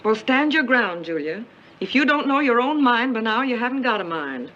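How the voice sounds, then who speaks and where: A witty, rebellious young woman with an ironic, teasing delivery, bright and crisp; early talkie film sound, muffled and faintly hissy. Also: a little high, sing-song, moderate pace. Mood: earnest. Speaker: film actress. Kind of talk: 1930 romantic comedy acting.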